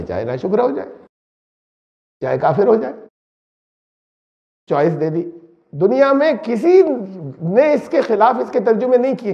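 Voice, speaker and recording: A man giving a religious lecture who recites Arabic verses and explains them, asking his listeners questions as he goes. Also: high-pitched. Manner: recites Arabic verses, then explains them in Urdu with English words mixed in; animated, asks the listeners questions. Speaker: Islamic preacher. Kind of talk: religious lecture on Quran translation. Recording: dull lo-fi recording.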